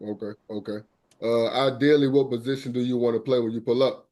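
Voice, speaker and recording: A man's voice: medium pitch, steady tone, fairly quick, warm tone. A man hosting a podcast interview in a laid-back, slangy way, often answering with "okay, okay". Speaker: podcast host. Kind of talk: casual interview.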